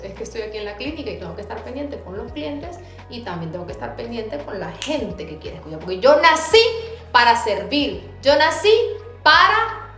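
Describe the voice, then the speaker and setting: Fervent high-voiced woman preaching. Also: echoey room. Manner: fervent, swings from soft to loud emphasis. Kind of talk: preaching to the camera. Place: clinic.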